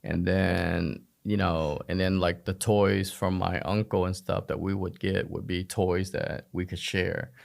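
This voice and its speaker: Low in pitch and barely moving, this man's creaky voice runs a little slow with few pauses as he shares casual stories in conversation, asking himself self-deprecating rhetorical questions. He's a doctor guesting on a podcast, an American of Vietnamese heritage who grew up in Oklahoma and elsewhere.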